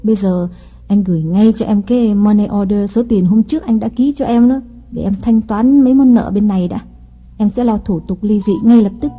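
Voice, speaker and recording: A woman voicing a calculating young wife in an audiobook, speaking in a coaxing, deliberate way. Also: mid-range voice, breathy edge, lightly acted. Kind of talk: audiobook reading. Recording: dull lo-fi audio with faint music.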